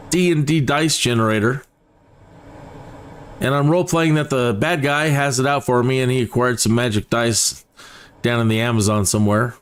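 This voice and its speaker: Over steady background noise, a man with a smooth, medium-pitched voice rambles chattily through casual, playful live commentary on a flight simulator stream.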